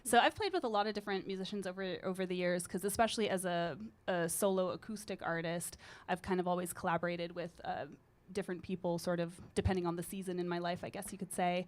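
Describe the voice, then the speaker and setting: Talking fast with few pauses, this low-voiced, slightly gritty woman in her thirties rambles loosely through a casual interview chat in a radio studio. She is a singer-songwriter from British Columbia, Canada, speaking relaxedly into a studio microphone with plenty of fillers.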